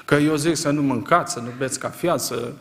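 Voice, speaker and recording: A man preaching a sermon, asking rhetorical questions and swinging from quiet, measured lines to loud, emphatic ones. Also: medium pitch, gravelly, in a large hall.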